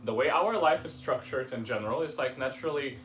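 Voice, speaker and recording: A man's voice: medium pitch, a little fast, fairly bright tone, roomy sound, slight background noise. A man from Bulgaria, a guest in a casual chat, rambling with lots of fillers.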